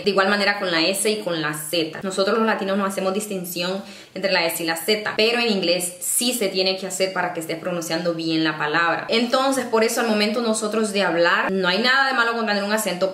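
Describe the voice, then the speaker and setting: A woman presenting a casual teaching vlog, patiently explaining and slowing down to sound out example words. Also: mid-range voice, fairly bright tone. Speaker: online English-learning presenter. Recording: echoey room.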